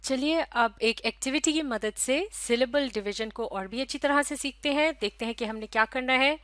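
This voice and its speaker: Woman, teacher, recorded lesson, patient, repeats words slowly, slightly high voice, dry close sound. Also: fairly bright tone, no echo. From Pakistan. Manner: slow, patient, spells out syllables and repeats words.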